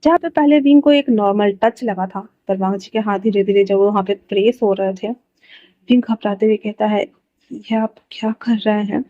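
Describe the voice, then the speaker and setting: A woman's voice: medium pitch, fairly even intonation, brisk, no room sound, muffled recording. Woman casually narrating a fan story. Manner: chatty and casual, mixing in English words.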